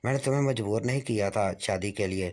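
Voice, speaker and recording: A man's voice: fairly low pitch, a little mellow, lightly acted. A man voicing a secretive, short-tempered husband who speaks curtly and defensively.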